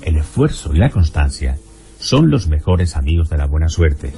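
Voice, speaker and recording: A man giving a scripted, measured narration in a calm advising tone, with guitar music underneath. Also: very deep voice, creaky.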